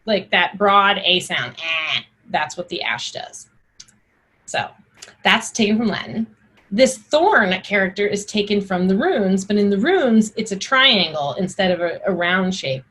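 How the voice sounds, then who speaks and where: A woman's voice: medium pitch, fairly bright tone, breathy edge. A woman giving an informal Old English pronunciation lesson, explaining and carefully sounding out or reciting the old words. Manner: informal, explanatory, enunciates examples. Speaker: teacher.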